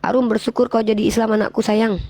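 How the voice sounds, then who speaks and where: A woman's voice: fairly high pitch, flat delivery, fast talker, mellow, dry recording, poor audio. A middle-aged woman with an Indonesian accent, a debate-channel regular, praying aloud and talking emotionally on a live call. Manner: emotional, pleading, prays aloud.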